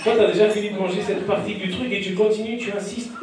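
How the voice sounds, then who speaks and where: A man works a dinner crowd as a stand-up emcee, joking and teasing people at their tables. His voice sits a little high and carries from a distance through a boomy, echoing room. A lively audience murmurs all around him. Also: fast. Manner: teasing, banters with diners. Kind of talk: live stand-up crowd work. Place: comedy club during dinner service.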